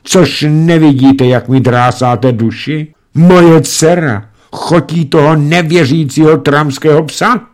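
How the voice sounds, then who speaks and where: A man's voice: on the high side, pitched above the performer's own voice, natural voice. A man voicing a proud, melodramatic aristocratic father in a storybook reading. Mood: outraged. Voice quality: pompous, melodramatic. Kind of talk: audiobook reading.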